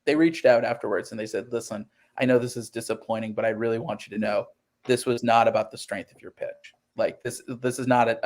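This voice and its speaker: With a fairly low pitch and a darkish tone, a comic book writer in his thirties speaks as an interview guest. His conversational storytelling about his creative work is earnest, and he acts out quotes while explaining.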